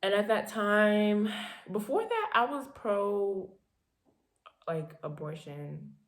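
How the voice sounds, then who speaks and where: A young woman in her twenties vlogging, telling a story in a lively, animated way with bursts of laughter. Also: mid-range voice, slow, reverberant. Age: 20s. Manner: animated, laughing, acting out her dad's lines. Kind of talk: casual storytelling.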